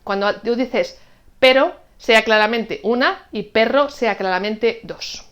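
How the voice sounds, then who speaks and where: A woman gives an online Spanish lesson. Her voice sits a little high, and she explains each rule in a clear, patient way, spelling out example words with care. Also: slow, fairly bright tone. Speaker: Spanish teacher.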